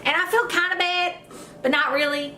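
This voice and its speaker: A woman vlogger chatting casually at home, telling an animated, playful story. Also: very high-pitched, normal speed, a little hiss or hum. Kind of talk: casual chat. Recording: echoey room.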